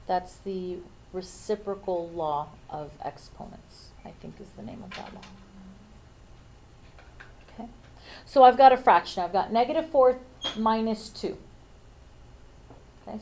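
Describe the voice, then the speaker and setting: A woman's voice: fairly high pitch, mellow, low-quality recording. A woman teaching a math lesson, thinking aloud and checking in with frequent "okay?"s.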